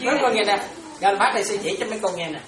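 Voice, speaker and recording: In a racing, medium-pitched voice, the Buddhist nun delivers a relaxed dharma talk full of laughter, calling those listening her children. Background noise, a roomy sound, and a crowd nearby come through on the far-off recording.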